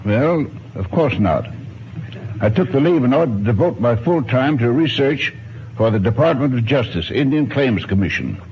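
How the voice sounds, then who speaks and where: A medium-pitched, expressive voice at a moderate pace belongs to a man in his nineties interviewed on the radio as an expert archaeologist and ethnologist. He replies with formal precision and antiquated phrasing, captured on a muffled, noisy 1950s recording.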